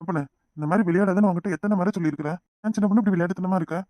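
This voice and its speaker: An impatient young village husband from Kanyakumari, acted by a man, rattling on very fast in a raised, lightish voice. The cartoon voice is dry and close, with no room sound. He sounds brisk and exasperated. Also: sits high, darkish tone, no room sound, close to an everyday voice. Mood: scolding. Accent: Kanyakumari Tamil. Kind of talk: cartoon voice acting.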